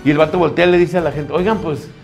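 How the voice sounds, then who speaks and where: A high-pitched Mexican man spins a viral news story as a joke, slangy and animated. Faint music hums underneath his chatter. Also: quick pace, vocal fry. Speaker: comedy news co-host. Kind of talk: joking casual news banter.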